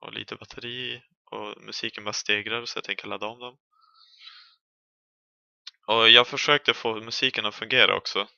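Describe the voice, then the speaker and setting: Gravelly-voiced young Swedish gamer. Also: male voice, fairly low pitch, steady tone, pauses often, dry recording, lo-fi sound. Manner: chatty, jokey, yelps and shouts when chased. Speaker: gaming streamer. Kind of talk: horror game let's play commentary.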